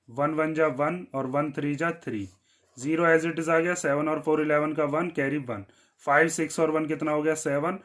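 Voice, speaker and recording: An Indian man teaching a maths lesson step by step, asking questions and answering them himself, and dropping low on the one-word answers.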